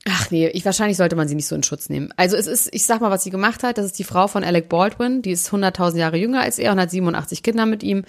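A woman co-hosting a casual chat, gossiping in a lively, chatty way. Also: mid-range voice, rapid-fire, vocal fry, hardly any pauses. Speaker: podcast co-host.

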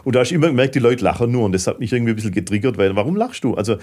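A mid-range voice races along very fast: a southern German podcast guest with a Swabian accent. Casual and fidgety, he tells his stories animatedly and in dialect.

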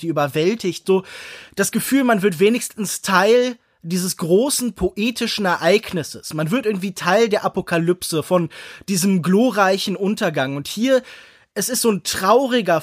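A man's voice: high-pitched, fairly bright tone, no echo, clean studio sound. A man co-hosting a film podcast, talking through a film in long, reflective, winding sentences and searching for words as he goes. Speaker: podcast co-host, film critic. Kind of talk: analytical film discussion.

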